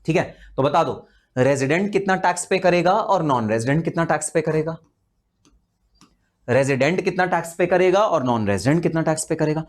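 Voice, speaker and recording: Animated Indian man teaching tax. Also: a little high. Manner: animated, chatty, rhetorical questions and dramatic asides. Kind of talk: live online lecture.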